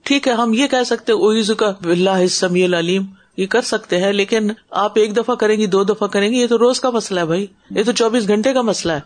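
A woman's voice: medium pitch, hardly any pauses. A woman religious teacher giving a class and answering questions in an earnest, advising way, mixing in English words.

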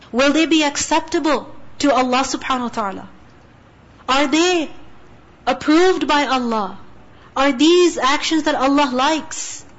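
A woman giving an earnest sermon, asking rhetorical questions and reciting verses before explaining them. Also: high voice. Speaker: Islamic teacher. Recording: dull lo-fi recording.

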